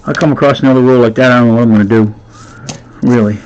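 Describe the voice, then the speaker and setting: A man with a Nova Scotian accent chatting casually and excitedly as he sorts coin rolls, chuckling often. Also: medium pitch, rapid-fire, lo-fi sound, slight background noise. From Nova Scotia, Canada. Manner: excitable, chuckling, breathless at finds. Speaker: coin roll hunter. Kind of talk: casual chat while sorting coins.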